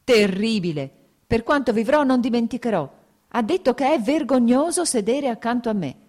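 A woman reading an audiobook, voicing a passionate young society woman who turns ironic and cries out in despair, pitched higher and louder than her narration. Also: very animated, moderate pace, natural voice. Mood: desperate. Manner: ironic, then crying out in despair.

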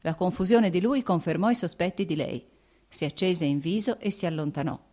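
A woman reading a classic novel aloud in a measured, even narration. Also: on the low side. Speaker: audiobook narrator. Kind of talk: literary audiobook reading.

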